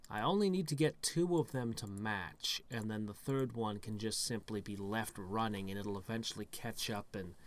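A man's voice: fairly low pitch, moderate pace, few pauses, slight background noise. A man giving let's-play commentary, thinking aloud in a rambling way with dry, self-mocking humour. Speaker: gaming channel host.

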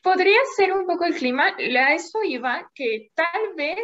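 A woman's voice: very high voice, lively intonation, moderate pace, a bit bright, lo-fi sound. A young adult Mexican woman, a climate scientist, talking at length as an interview guest with small laughs in between, over a video call. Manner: thoughtful, explains at length with little laughs. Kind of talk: casual interview chat.

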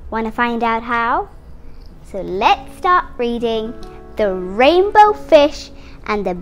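With instrumental music in the background, a slightly high, very animated female voice belongs to an eight-year-old girl reading a picture book aloud. She goes slowly, giving the story careful, dramatic phrasing as a young storyteller.

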